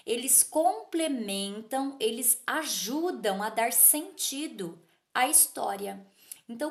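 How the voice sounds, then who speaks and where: A woman teacher explaining a lesson to children, patient and repetitive, often checking in with her listeners. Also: a little high. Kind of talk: slow classroom explanation to children.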